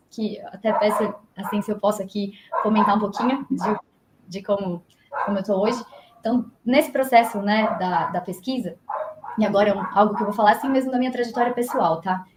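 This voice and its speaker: A woman's voice: fairly high pitch, very noisy. A woman speaking as an engineer guest in a live video interview, explaining animatedly and acting out imagined dialogue. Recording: roomy echo.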